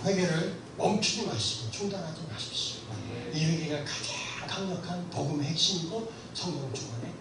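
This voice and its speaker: A middle-aged male pastor giving an impassioned, storytelling sermon lecture to a congregation, often breaking into shouts. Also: a little high. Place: church hall. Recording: very echoey church hall, mic far off, faint noise.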